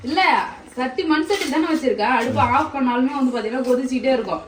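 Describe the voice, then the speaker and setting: A woman's voice: sits high, animated, quick pace, reverberant, noisy background. A woman, chatting to viewers as she walks through her home cooking, calling them friends. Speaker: cooking vlogger. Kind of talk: casual cooking walkthrough. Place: home kitchen.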